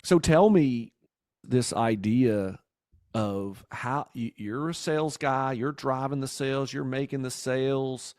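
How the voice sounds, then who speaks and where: A man's voice: medium pitch, takes it slowly, a little mellow, dry recording. Upbeat male podcast host, dry sound. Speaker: podcast host and business coach. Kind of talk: podcast interview.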